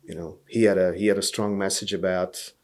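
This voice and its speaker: This man from Hungary, a blues musician guesting on a podcast, speaks with a Hungarian accent in a relaxed storytelling interview. He sounds earnest and frequently repeats words while thinking. His low, slightly mellow voice moves fairly quickly with little change in pitch.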